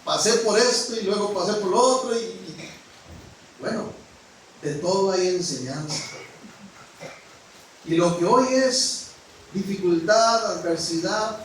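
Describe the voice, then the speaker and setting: A man with a high, ringing voice preaches a sermon to his congregation, speaking frankly and directly. He swings between loud exclamations and near whispers. The sound is very echoey and comes from a distance in a church hall, with a faint hiss underneath. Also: expressive, takes it slowly, pauses often. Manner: preaching with rising exclamations and sudden drops to a hush. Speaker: pastor.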